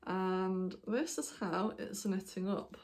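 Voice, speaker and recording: Slow and darkish in tone, this medium-pitched voice belongs to a British knitting podcast host. She's hiccuping as she shows her projects in a casual show-and-tell vlog, meandering with frequent ums and apologies.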